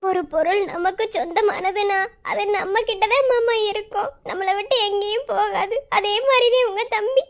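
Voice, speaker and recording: Woman voicing a sweet young cartoon girl, super high voice, soothing and teary. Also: normal speed, few pauses. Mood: tender, tearful. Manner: soothing, tearful pleading. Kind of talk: cartoon voice acting.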